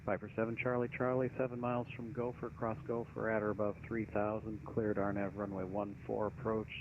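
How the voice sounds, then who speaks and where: A man's voice: lowish voice, little pitch movement, a little fast. A man working as an air traffic controller, giving procedural instructions over aviation radio. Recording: dull, noisy aviation radio.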